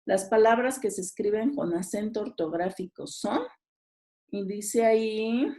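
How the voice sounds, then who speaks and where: Slow-paced woman teacher. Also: mid-range voice, dark tone. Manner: checks with students, reads questions aloud. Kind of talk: exam review lesson.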